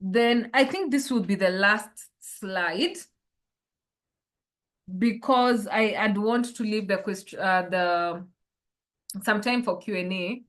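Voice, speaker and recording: A woman's voice: medium pitch, slow pace, long pauses, a bit bright. Woman coaching over a call. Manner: poses reflective questions to listeners. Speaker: life coach. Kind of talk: online workshop talk.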